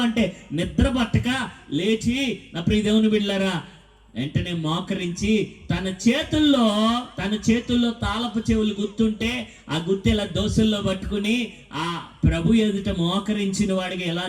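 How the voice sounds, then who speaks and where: A man with a high voice preaches to his congregation, spinning stories and firing rhetorical questions at them. He sounds set back from the mic in a large, echoey church hall. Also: distant mic. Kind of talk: sermon.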